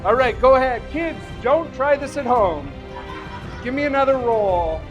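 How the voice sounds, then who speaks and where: Over music, with the highs cut off, a man speaks a little slowly in a very high, expressive voice. He is a magician performing before a live audience, bantering with a volunteer, cracking jokes and offering encouragement between chuckles.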